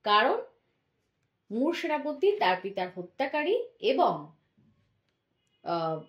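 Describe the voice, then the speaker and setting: A woman teacher explaining a school lesson patiently, slowly drawing out example words as she demonstrates. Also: fairly high pitch, very animated, reverberant, muffled recording.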